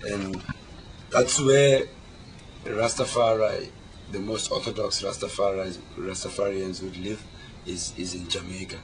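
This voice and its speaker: A man's voice: low voice, fairly even intonation, measured pace. A man with devout, emphatic Rasta speech, explaining his faith in an interview, repeating words for weight. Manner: devout Rasta speech with reverent religious phrases. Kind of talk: explanatory religious interview talk. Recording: clearly noisy location recording.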